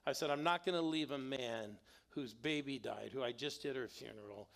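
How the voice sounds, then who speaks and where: A middle-aged male pastor tells stories from the pulpit, his voice gravelly at a middle pitch. He urges the congregation to respond out loud and build up the story with him. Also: normal speed. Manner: animated, calls on the congregation to respond. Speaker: guest pastor. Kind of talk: storytelling sermon. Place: church sanctuary.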